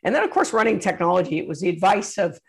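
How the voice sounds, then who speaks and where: Creaky-voiced woman answering interview questions. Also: fairly low pitch, very animated, quick pace. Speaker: interview guest, investment executive.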